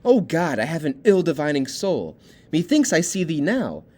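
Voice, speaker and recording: A man's voice: fairly high pitch, big pitch swings, normal speed, warm tone. A man reading as a lovesick young noble girl. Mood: tender. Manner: plain read-aloud of verse.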